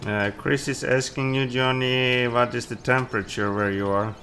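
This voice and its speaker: A man's voice: medium pitch, fairly even intonation, normal speed, bright, forceful tone, a little hiss or hum. A man hosting a multiplayer game stream, reading viewer messages aloud and teasing his co-players in casual chat. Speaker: stream host.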